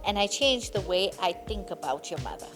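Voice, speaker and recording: A woman's voice: lowish voice, very animated, brisk, over music. A woman co-hosting a casual podcast chat, a mother who talks animatedly and laughs often while telling stories. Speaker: podcast co-host.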